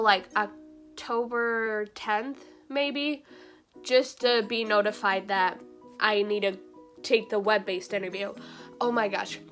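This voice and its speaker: A young adult woman vlogger chats in a bubbly, excitable way, full of fillers and laughs, her voice sitting a little high for her. A recent cold makes her sound slightly nasal, and light music plays softly in the background of this casual vlog.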